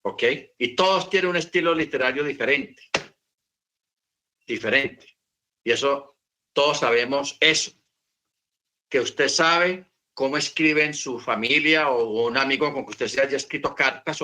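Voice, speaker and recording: A man's voice: medium pitch, moderate pace, pushed and bright. A man teaching about the Bible in an unscripted talk, repeating his points and asking rhetorical questions.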